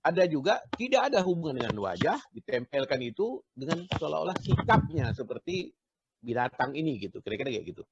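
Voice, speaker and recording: A gravelly, husky man speaks in a lively, up-and-down voice, building his points from examples. The recording sounds dull and dry. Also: a little high, a little fast, noisy background. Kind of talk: casual discussion.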